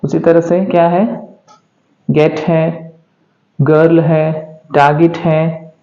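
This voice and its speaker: Guy teaching english sounds, mellow kinda high voice, echoey room, dull lo-fi audio. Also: flat delivery, drawn-out words, gravelly. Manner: asks a question and then answers it himself, spells words out letter by letter. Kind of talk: pronunciation lesson in Hindi.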